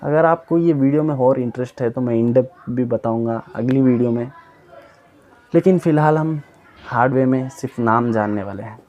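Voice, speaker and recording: A young man casually reading aloud a long list of names for his viewers, sounding them out slowly and often stumbling and repeating them. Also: medium pitch, highs cut off. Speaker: YouTuber reading Pokémon names.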